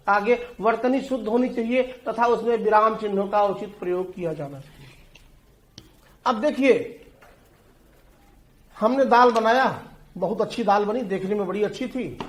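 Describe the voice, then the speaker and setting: A man's voice: high voice, expressive, moderate pace, pauses often. Male teacher lecturing in an echoey room. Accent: Hindi. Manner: explains with everyday examples, addresses students directly. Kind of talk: exam-prep lecture on essay writing.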